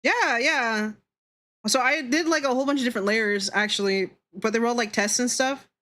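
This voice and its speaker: With a fairly high, sharp-toned voice and a brisk delivery, this streamer draws while chatting with her audience. The VTuber keeps things playful and giggly, teasing viewers and swearing freely.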